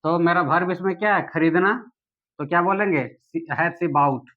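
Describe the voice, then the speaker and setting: A man teaching an English grammar lesson, asking the viewer questions and saying English examples slowly. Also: fairly high pitch, phone-quality sound.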